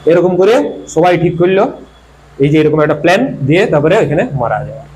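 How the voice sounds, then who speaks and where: A man talks students through a history lesson in a high-pitched voice. He asks questions and answers them himself, and he repeats the key words. Faint noise sits under the recording. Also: animated, fast, a little mellow, low-quality recording. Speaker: teacher.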